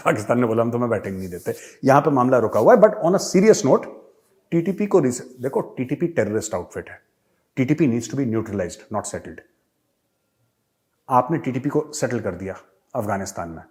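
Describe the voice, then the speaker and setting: A man hosting a Hindi political commentary show in a sarcastic, mocking, animated way. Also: mid-range voice. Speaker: host, retired army major.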